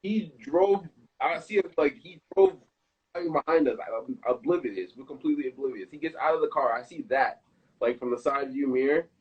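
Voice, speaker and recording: A man's voice: a little high, moderate pace, husky, highs cut off. A young man casually telling a story with slang, laughing through it. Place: indoors, live stream.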